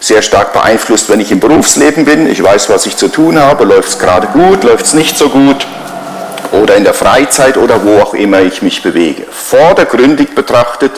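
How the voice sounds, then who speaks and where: A man's voice: mid-range voice, animated, moderate pace, roomy sound, a crowd in the background, rough recording. A middle-aged man giving a conversational sermon as a pastor, driving his points home with repeated rhetorical questions.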